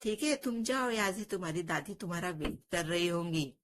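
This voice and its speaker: A woman voicing a kind young cowherd who gently reassures his little brother in a storybook tale. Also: lowish voice, lively intonation, a little fast, a little hiss or hum. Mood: gentle. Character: kind protective older brother, cowherd youth.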